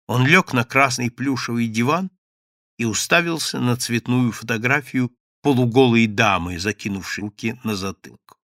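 A man narrating a classic novel as an audiobook reader, lively and expressive. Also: medium pitch, moderate pace, dry recording, studio quality.

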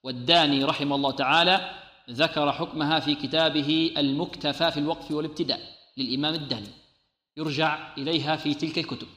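A man with a fairly high, bright voice teaches recitation rules. He slowly draws out sounds as he demonstrates them, then quizzes and answers himself. His voice rings through a roomy space with a long reverb. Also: steady tone. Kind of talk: radio tajweed lesson. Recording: echoey room with long reverb.

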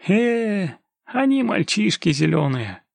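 Desperate pleading mountaineer father, gravelly and raised pitch, as a male narrator puts him on. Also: very animated, slow, no echo, full character voice. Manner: pleading, wailing.

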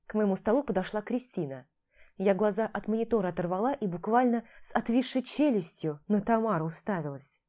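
A woman's voice: medium pitch, brisk, mellow. A woman narrating a novel in the first person, with a tired, sardonic edge in the lead's lines. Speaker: audiobook narrator.

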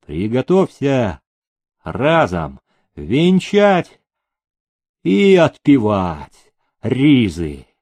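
A man reading an audiobook, voicing an older tyrannical master with a slow, threatening delivery. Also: fairly low pitch, sing-song, creaky, warm tone, breathy edge, no room sound, heavily acted. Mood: menacing.

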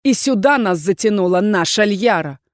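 A woman voicing a cold, suspicious male dark elf student who speaks sternly. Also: medium pitch, animated, normal speed, no room sound, studio quality, natural voice. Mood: angry.

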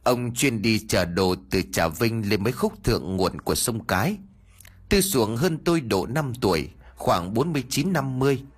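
A man narrating a first-person ghost story in an expressive, lively way. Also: mid-range voice, moderate pace, breathy edge.

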